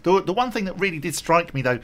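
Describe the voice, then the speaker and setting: Narrating his own arrival, from a car ride to a walk outdoors at a stadium, a radio presenter chats casually and then reviews it in the studio. He speaks fast in a fairly high voice with lively intonation. Self-deprecating and talkative, he uses lots of fillers.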